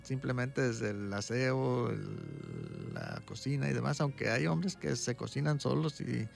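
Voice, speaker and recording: Brief: male doctor, interview guest, gravelly mid-pitched voice, patient explanatory delivery. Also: measured pace, faint music behind. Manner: calm, explaining, tags points with "¿sí?".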